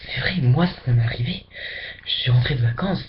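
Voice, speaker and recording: Man from France, casual webcam vlogger, mid-pitched, chatty with whispered asides; dull lo-fi mic, slight background hiss. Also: animated, normal speed. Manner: chatty and rambling, dips into whispers for emphasis.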